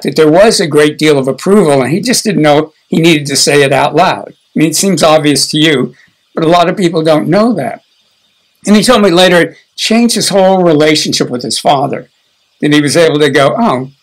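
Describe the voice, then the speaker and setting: An older man teaching a guided healing session in a relaxed, conversational way, chuckling now and then and often restarting his sentences. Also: on the high side, rough recording.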